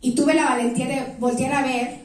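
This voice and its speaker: A woman delivers an emotional personal testimony with earnest, confessional weight. Her voice sits high, and a distant, reverberant hall sound surrounds it. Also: fairly even intonation, moderate pace. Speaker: speaker giving a personal testimony. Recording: echoey hall from far off.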